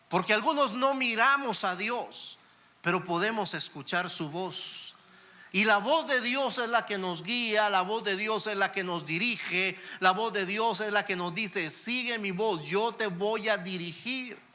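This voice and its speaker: Male pastor, sermon, conversational, high voice, bright tone, rhetorical questions. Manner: conversational, addresses listeners directly with rhetorical questions.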